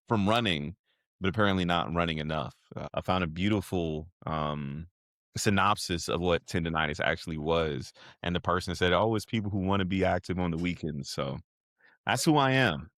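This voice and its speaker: A man in his thirties, a professor guest on a podcast, laughing and joking about himself in halting, filler-filled talk. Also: sits low, a bit bright, dry recording, studio quality. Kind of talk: casual interview chat.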